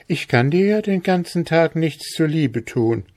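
A man doing a pleading young girl from a storybook, voice pushed up high and full of complaint. She sounds lamenting and anxious, her pitch climbing sharply, a small worried creature begging for an answer. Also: animated, measured pace, a little mellow, dry recording, studio quality. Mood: plaintive. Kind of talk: fairy tale reading.

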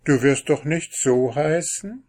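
Storybook princess, young and carefree, bright and lilting, read by a man. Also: slow. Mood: playful. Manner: bright, high and playful.

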